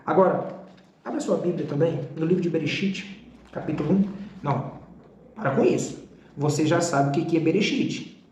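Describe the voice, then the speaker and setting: A man's voice: a little high, darkish tone, slight background noise. Man teaching theology in an echoey room. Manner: didactic, talks straight to the student with "tá?" and "ó"; drawn-out repetition of key terms. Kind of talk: recorded theology class.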